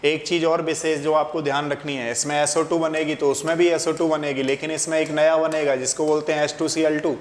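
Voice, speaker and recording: A man's voice: a little high, little pitch movement, a little fast, few pauses. A man teaching a chemistry lesson in a classroom lecture style, explaining step by step and asking and answering his own questions. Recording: echoey room with faint background noise.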